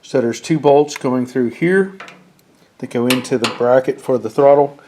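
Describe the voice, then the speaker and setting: A man in his 50s with a head cold hosts a garage channel, giving a casual workshop walkthrough from his home garage. His medium-pitched voice moves at a moderate pace, plain-spoken and relaxed with fillers, over a little hiss or hum.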